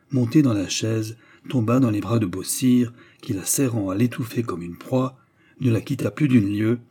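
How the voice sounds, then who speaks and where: A man narrating a classic novel as an audiobook in a measured, steady reading. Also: lowish voice, husky.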